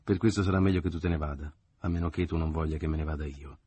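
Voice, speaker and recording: Commanding, smug lover, read by a deep-voiced husky male narrator. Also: fairly even intonation, quick pace, mellow. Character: smug self-assured older lover.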